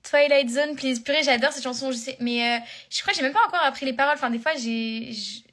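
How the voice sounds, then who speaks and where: A young woman talks to fans on a live phone stream. Her voice sits fairly high, and she rambles along with lots of fillers and restarts. The chat stays casual and loose throughout. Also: fast, sharp tone.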